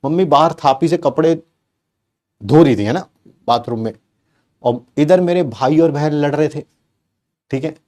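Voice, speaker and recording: A middle-aged man from India, a teacher telling a lively personal story to his students, mixing in English phrases. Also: a little high, measured pace, long pauses. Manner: animated, mixes English phrases, acts out family members' lines.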